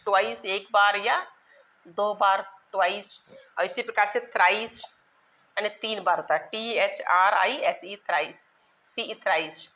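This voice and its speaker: Woman teacher, unhurried, crisp bright tone, spells words out, repeats phrases. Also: mid-range voice, low-quality recording. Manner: asks students questions and answers them herself. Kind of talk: grammar lesson for exam students.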